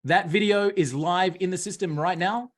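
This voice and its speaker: A man's voice: sits high, normal speed. Australian man hosting a live webinar. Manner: coaching, directive, talks while sharing his screen. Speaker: host.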